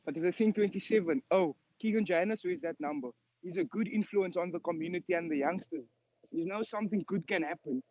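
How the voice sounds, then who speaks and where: Being interviewed as a professional footballer, a man in his early twenties speaks with a Cape Town South African accent, answering casually and earnestly. His voice is high, fast and a little mellow. The dull, lo-fi recording has no room sound.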